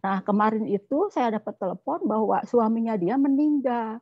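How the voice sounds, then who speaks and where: Husky woman with a dark voice rambling through her story on a dull video call. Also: fairly high pitch, lively intonation, normal speed, dry recording. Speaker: class member sharing a testimony. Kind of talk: personal testimony.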